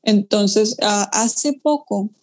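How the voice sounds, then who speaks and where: A young woman, a pianist chatting casually and telling stories with lively quoted asides. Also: medium pitch. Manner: animated storytelling, quick asides and acted-out quotes. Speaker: pianist guest. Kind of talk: casual conversation.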